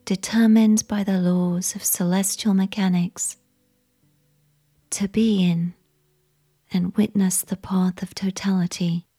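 Female narrator, soft ASMR whisper for a sleep story, slow and mellow, a bit breathy. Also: medium pitch, level tone.

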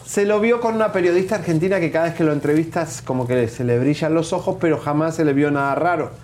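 A man co-hosting a gossip show, chatting quickly and teasing his co-host. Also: fairly high pitch, darkish tone, a little hiss or hum. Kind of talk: casual gossip chat.

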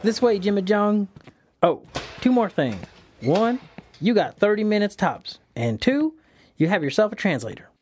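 A man playing a hurried, chummy cop. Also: high voice, sing-song, darkish tone, a little hiss or hum. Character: eager male police officer, hurried and friendly. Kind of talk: audio drama acting.

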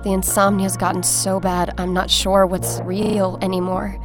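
A woman's voice: medium pitch, level tone, a little slow, lightly acted. A woman playing a haunted, sleepless, uneasy young woman narrating a scripted horror drama trailer, music behind. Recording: music under the voice.

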